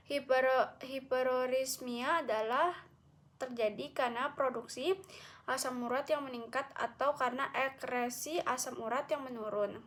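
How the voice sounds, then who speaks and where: A young woman, a medical student, giving a recorded class presentation, reading carefully and correcting herself often. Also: high voice. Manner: careful explanatory reading with frequent self-corrections.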